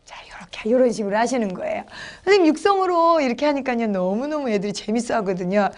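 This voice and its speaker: A middle-aged woman instructor explaining teaching steps to teachers in a brisk, chatty manner. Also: on the high side, animated. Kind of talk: lecture for teachers.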